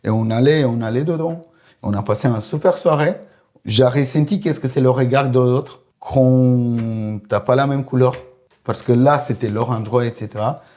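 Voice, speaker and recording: A man from Romania, speaking in a casual podcast chat in a halting way, repeating words and using phrasing. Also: medium pitch, mellow. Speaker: podcast guest.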